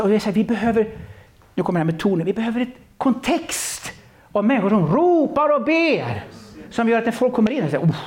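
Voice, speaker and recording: A man preaching a sermon, telling stories with many restarts and repeated words. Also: sits high. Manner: animated storytelling with many restarts. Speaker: pastor.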